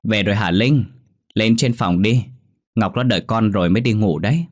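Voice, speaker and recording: A man's voice: fairly low pitch, normal speed, close to an everyday voice. A man voicing a worried older grandmother in a spoken horror story, fretful and pleading. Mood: weary.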